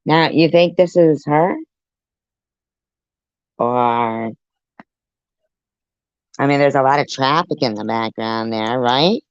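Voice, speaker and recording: A commentator with a deep pitch-shifted voice, reacting to a clip with blunt, profane sarcasm. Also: slow, pauses often, clean tone, no echo, lo-fi sound. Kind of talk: ranting commentary.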